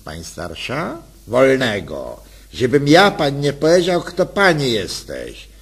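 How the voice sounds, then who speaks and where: A man's voice: mid-range voice, huge pitch swings, takes it slowly, breathy edge, full character voice. A man doing a sour grumbler. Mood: grumpy. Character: sweaty, irritable heavyset male passenger.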